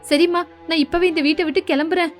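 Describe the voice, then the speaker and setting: Woman doing a spoiled whiny young daughter, sly, high and bright, cartoon story. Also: fairly even intonation, fast, soft background music. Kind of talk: animated storybook voice acting.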